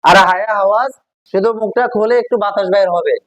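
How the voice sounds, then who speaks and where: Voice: medium pitch, fast talker, no echo, highs cut off. A Quran teacher, patiently drilling a class on letter sounds and asking them questions. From Bangladesh. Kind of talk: classroom call-and-response drill.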